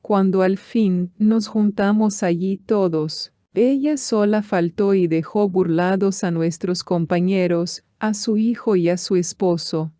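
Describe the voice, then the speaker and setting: A woman reading epic poetry aloud in a slow, measured recitation. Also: medium pitch, dark tone, no echo, studio quality. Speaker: reader.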